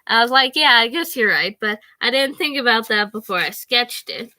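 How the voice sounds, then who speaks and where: A woman's voice: fairly high pitch, lively intonation, moderate pace, pushed and bright, a little hiss or hum. A teenage girl chatting casually to the camera from her bedroom, rambling with lots of fillers. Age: teens. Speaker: vlogger.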